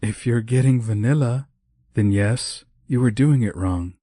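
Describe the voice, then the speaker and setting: A man voicing a cheerful, playful young woman teacher in an audiobook, lifting his voice higher and teasing. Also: a little slow, warm tone, no room sound, studio quality, natural voice. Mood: lively. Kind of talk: audiobook character voice.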